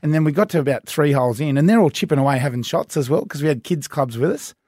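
A man telling a story on a casual podcast, acting out quotes in higher voices. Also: fast, no room sound, studio quality. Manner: animated storyteller, acts out quotes in high voices. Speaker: podcast co-host.

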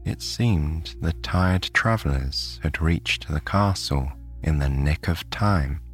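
Slow, deep-voiced British man reading a bedtime story. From United Kingdom. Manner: slow, soft and soothing. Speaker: narrator. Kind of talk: bedtime sleep story narration.

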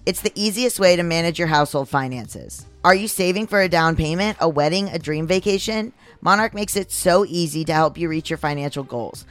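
An androgynous voice in the middle range, testosterone-deepened and a bit strained, with a fairly bright tone. The podcast host moves through scripted sponsor reads fairly quickly with few pauses, keeping it conversational and adding personal asides while music plays underneath.

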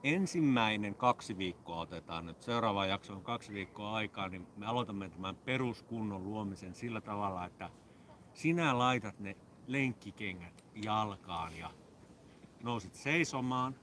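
Man hosting in a low, mock-serious voice. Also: expressive, a bit bright, a little hiss or hum. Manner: jokey mock-serious instructions. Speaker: podcast co-host. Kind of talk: casual chat.

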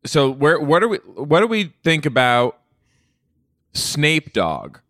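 A man's voice: on the high side, very animated, slow, a bit bright, no echo, clean studio sound. A man co-hosting a comedy podcast, eagerly pushing the bits along in improv banter.

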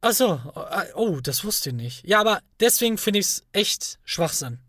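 A man's voice: sits high, very animated, moderate pace, bright, forceful tone, no echo, studio quality. A man co-hosting a podcast, chatting casually and arguing his points earnestly at length. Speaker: podcast co-host.

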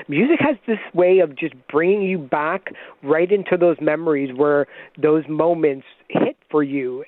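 A man joining a radio talk show by phone, explaining in an enthusiastic, fast way. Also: on the high side, no room sound. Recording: tinny phone line.

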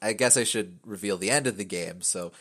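A man with a fairly low voice hosts a casual podcast chat. He rambles and hedges, restarting his sentences and filling the gaps with "uh." His humor stays wry and offhand throughout. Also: a little fast, a bit bright. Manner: rambling, many fillers and restarts; wry, joking. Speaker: podcast host.

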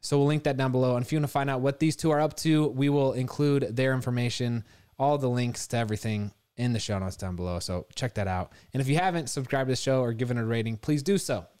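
A man's voice: medium pitch, quick pace, a little mellow, clean tone. Male co-host, upbeat, casual chat, mid-range voice. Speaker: podcast co-host.

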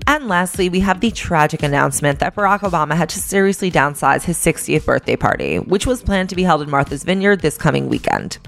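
Low-pitched woman reading scripted news podcast. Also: fairly quick, creaky, few pauses, soft background music. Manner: wry, informal asides in scripted read. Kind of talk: scripted news briefing and ad reads.

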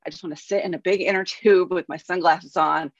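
Tired, lower-voiced woman podcaster. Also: fairly even intonation, a little fast, no echo. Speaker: podcast co-host, screenwriter. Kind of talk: casual podcast chat. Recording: dry, slightly dull audio.

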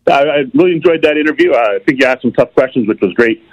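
A man's voice: medium pitch, lively intonation, very fast. A man calling in over the phone, giving loose, opinionated talk with fillers. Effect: heard over the phone. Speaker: caller. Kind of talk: casual call-in chat. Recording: muffled phone line.

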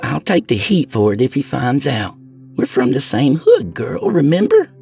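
A man's voice: medium pitch, huge pitch swings, normal speed, vocal fry, a little mellow, breathy edge, faint music behind, voice pushed up, exaggerated voice. A man voicing a blunt, food-obsessed young woman in jail who gripes and wheedles. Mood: wheedling. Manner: complaining, wheedling.

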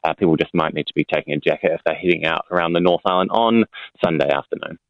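A man's voice: low-pitched, quick pace, no echo, lo-fi sound. A man with a New Zealand accent explaining the weather informally in a conversational radio interview. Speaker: weather forecaster.

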